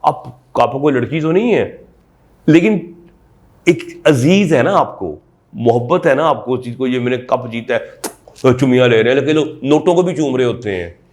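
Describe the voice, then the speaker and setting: A man talks as a doctor explaining to camera. He is emphatic and asks many rhetorical questions in a mid-pitched voice. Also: animated, moderate pace, a little mellow. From Pakistan. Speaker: sexologist doctor.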